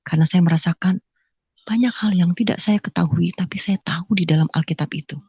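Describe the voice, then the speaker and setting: A middle-aged woman giving a personal conversion testimony to a congregation, animated storytelling that bursts into loud acted exclamations. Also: fairly low pitch, fairly quick, husky, no echo, dull audio. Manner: animated storytelling, acts out her own exclamations loudly. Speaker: testimony speaker.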